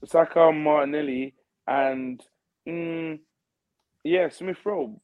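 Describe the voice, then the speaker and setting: A man's voice: a little high, steady tone, slow, phone-quality sound. A man with a London accent in casual football banter as a fan guest, slangy and laddish, protesting with fam and bruv.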